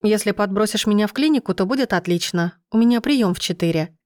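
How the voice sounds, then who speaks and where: A woman's voice: mid-range voice, animated, quick pace, a little mellow, no echo, studio quality, close to an everyday voice. Katya, an earnest young woman, read by a woman. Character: pregnant young woman, worried but resolute.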